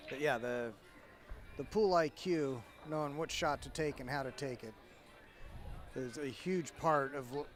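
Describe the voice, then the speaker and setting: A man's voice: medium pitch, measured pace. A man commentating a pool match in casual live chat, talkative and teasing. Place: busy convention hall by a pool tournament. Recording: live event with crowd noise and music.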